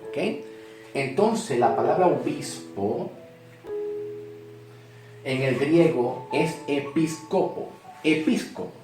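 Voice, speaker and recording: A man teaching from the Bible slowly, often repeating a point and checking in with "ok?". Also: mid-range voice. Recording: echoey room with guitar music.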